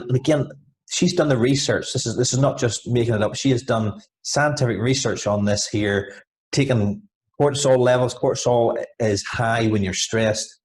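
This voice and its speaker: A man, a hypnotherapist guest on a video-call interview, explaining at length with frequent repeats and restarts. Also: medium pitch. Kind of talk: casual interview over video. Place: home, over a video call.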